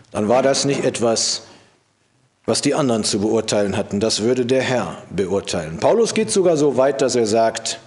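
A man giving a calm, verse-by-verse Bible exposition, with phrases that fall low at their ends. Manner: steady teaching tone, drops low at the end of sentences. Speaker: Bible teacher.

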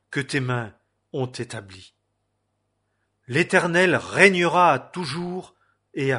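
Slow, husky-voiced man reading scripture. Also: medium pitch, fairly bright tone. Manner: measured, solemn reading with long pauses. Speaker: scripture reader. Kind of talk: scripted biblical narration.

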